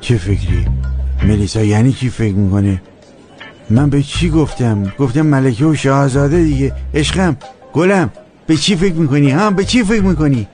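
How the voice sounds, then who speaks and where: A man's voice: medium pitch, a little mellow, soft background music, lightly acted. A man dubbing a boastful, lovestruck character in a TV drama. He talks in a pleading, teasing, theatrical way. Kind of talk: dubbed TV drama acting.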